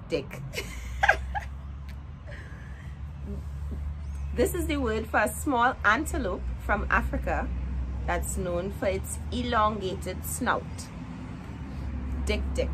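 A woman video creator in her twenties with a Trinidadian Caribbean accent chats casually and playfully to camera in colloquial speech from an outdoor porch beside greenery. Her voice is medium-pitched, expressive and measured, over noisy outdoor ambience with vehicle sounds.

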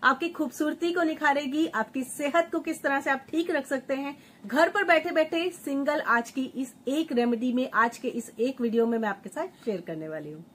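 A woman's voice: high-pitched, normal speed, a bit bright, a little hiss or hum. A woman hosting her own home remedy vlog, chatting like an older sister to her viewers and repeating words for emphasis while she grinds and sieves at home. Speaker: home remedy vlogger, channel host. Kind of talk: chatty beauty tips vlog.

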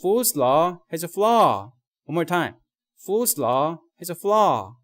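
A man teaching vocabulary in a recorded lesson, speaking straight to viewers and drilling slow example sentences. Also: on the high side, very animated.

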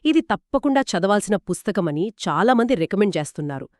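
A woman's voice: medium pitch, very animated, fairly quick, a little mellow, no room sound, studio quality. A woman co-hosting a book discussion podcast, explaining and summing up reader reviews. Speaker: podcast co-host.

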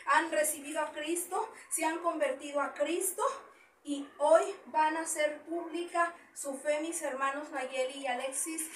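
Lady pastor preaching, repeats herself, echoey church room, mic way off. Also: high voice. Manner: animated preaching, repeats phrases, gestures with raised hands. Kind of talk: Spanish sermon with Bible reading. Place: small church hall indoors. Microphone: far camera, no mic. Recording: echoey room from far off with faint noise.

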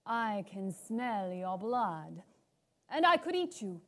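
A woman voicing a menacing male vampire in a storybook, speaking slowly and drawn out. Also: mid-range voice, sing-song, fairly bright tone, full character voice. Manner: slow, drawn-out delivery. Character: deep slow-spoken male vampire, menacing. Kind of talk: storybook narration.

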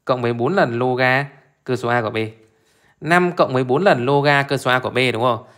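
A man with a medium-pitched, slightly bright voice talks a little fast while solving an exam live for his math students. Chatty and informal, he keeps repeating short questions to check in with his listeners.

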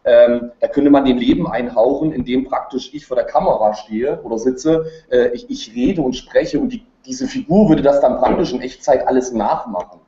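A man's voice: medium pitch, normal speed, few pauses, warm tone. A man gives an informal, unscripted webinar presentation. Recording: roomy, dull webinar audio.

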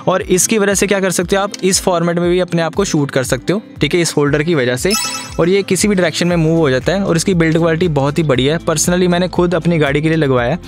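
A man's voice: a little high, fast, soft background music. A young man in his twenties explaining gear in a chatty vlog, recorded on a phone's built-in mic in a car. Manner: chatty, explanatory, addresses viewers as friends. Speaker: vlogger. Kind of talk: casual tutorial vlog. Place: inside a moving car, then outdoors by the car.

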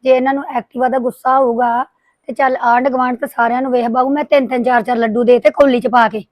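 A woman playing a tailor with young children who feels wronged by her gossiping neighbors, complaining in a rapid, indignant way. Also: a little high, steady tone, dry recording, close to an everyday voice. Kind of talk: domestic drama acting.

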